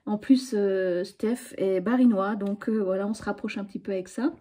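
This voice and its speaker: Woman, middle-aged, mellow tone, rambling casual vlog chat. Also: medium pitch, moderate pace, husky. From Alsace, France. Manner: chatty and rambling, with frequent hesitations. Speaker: craft vlogger. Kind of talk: casual spring tag chat.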